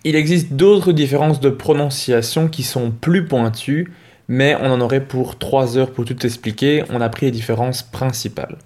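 A man co-hosting a language lesson, explaining in a brisk, plain-spoken way. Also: mid-range voice, darkish tone. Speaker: language teacher.

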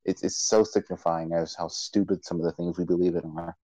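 A man's voice: deep voice, steady tone, a little fast, mellow, dry recording, poor audio. A man moderating a casual chat about anime awards, rambling with stammered restarts and frequent laughs. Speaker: podcast moderator.

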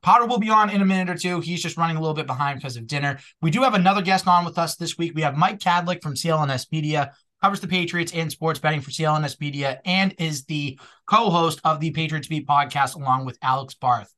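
A man with a Boston accent hosting a casual sports podcast, chatty and energetic. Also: fairly high pitch. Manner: energetic, chatty, quick asides. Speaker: podcast host.

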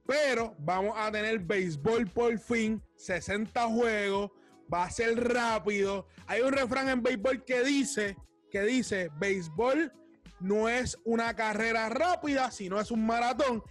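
A man's voice: high-pitched, a little slow, fairly bright tone, faint music behind. A man with a Puerto Rican accent chatting casually about sports as a co-host, mixing English words into his Spanish in a Spanglish manner. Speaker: podcast co-host and baseball analyst.

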